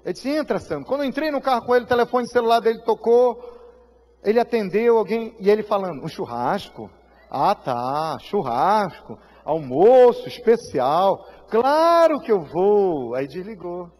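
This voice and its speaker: A Brazilian man preaches in a high voice that carries a long reverb through a church hall. He tells his story with strong feeling, acting out the voices and rising to shouts at the peaks. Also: very animated, normal speed. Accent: Brazilian Portuguese. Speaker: pastor. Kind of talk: sermon.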